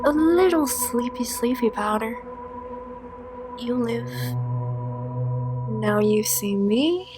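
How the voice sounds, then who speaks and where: Woman playing a sly teen girl traitor, very slow, higher voice, loud music behind. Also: expressive. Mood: sinister. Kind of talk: fan voice acting for an animated game movie.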